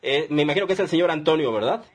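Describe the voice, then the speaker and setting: A man's voice: a little high, lively intonation, rapid-fire, slightly rough. A man with a Mexican accent hosting a call-in radio advice show, chatty and upbeat as he reads listener messages and phone numbers.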